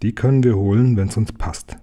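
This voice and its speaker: A man's voice: fairly low pitch, steady tone, moderate pace, mellow, lightly acted. A man voicing a brash, bossy street boy who leads a gang, in a storybook reading. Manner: bossy, cheeky.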